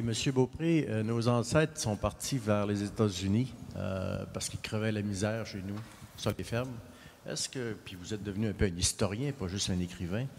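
A man in the audience asking a halting, hesitant question. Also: fairly low pitch. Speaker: audience member. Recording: distant in a large hall, faint noise.

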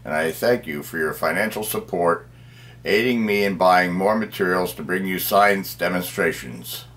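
Deep-voiced man, deliberate dictating delivery. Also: a bit bright. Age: middle-aged. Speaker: science demonstrator, host. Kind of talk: scripted science demonstration. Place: small cluttered indoor workroom.

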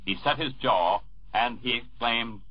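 Husky newscaster on an old 1940s radio broadcast. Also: male voice, mid-range voice. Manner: formal, measured news reading. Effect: old 1940s radio broadcast recording. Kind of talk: 1940s radio news bulletin. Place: network radio studio. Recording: dull lo-fi 1940s radio archive.

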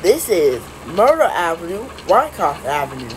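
A woman making recorded subway train announcements, stop by stop in a flat, measured announcer delivery. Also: on the low side, a little hiss or hum, rough recording.

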